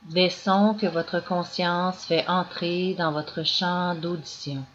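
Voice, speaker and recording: Calm and measured, a lowish-voiced woman narrates a scripted yoga nidra meditation, leaving long pauses between instructions. Background noise is clearly audible in the dull, lo-fi recording.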